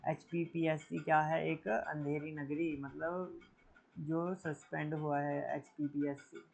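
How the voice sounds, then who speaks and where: A man teaching an exam prep lesson, calling students "beta" and repeating each correction with a quick "theek hai". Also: on the high side, flat delivery, vocal fry. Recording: dull lo-fi recording.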